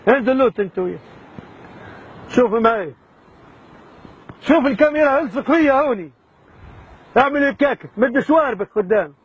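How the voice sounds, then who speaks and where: A man's voice: very high voice, lively intonation, brisk, pauses often, husky, lo-fi sound. A man hosting a hidden-camera prank, coaxing and bossy with a mock-menacing edge. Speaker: prank show host.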